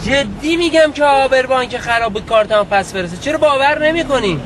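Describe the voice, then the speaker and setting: A man's voice: very high voice, expressive, music in the background. An actor playing a squabbling, cash-strapped husband in a TV drama, defensive and wheedling in his bickering. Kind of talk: TV series acting.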